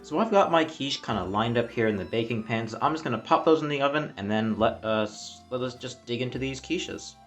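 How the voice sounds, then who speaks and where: A man's voice: mid-range voice, animated, a little fast, few pauses, fairly bright tone, recorded from a distance, soft background music. Chatty man vlogging in an echoey room. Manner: chatty and self-deprecating, eating on camera. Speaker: food vlogger. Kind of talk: casual food vlog talk.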